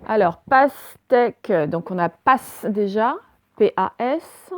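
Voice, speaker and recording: Brief: woman teacher, mid pitch, slow patient dictation, dry close sound. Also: lively intonation, no room sound, muffled recording. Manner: slow, careful dictation, spelling letter by letter. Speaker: primary school teacher. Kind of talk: recorded remote spelling lesson.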